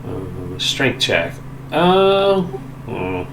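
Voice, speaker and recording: A man's voice: lowish voice, very animated, drawn-out words, a bit bright. A man playing a tabletop game, bantering casually with the group. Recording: echoey room, clear background noise.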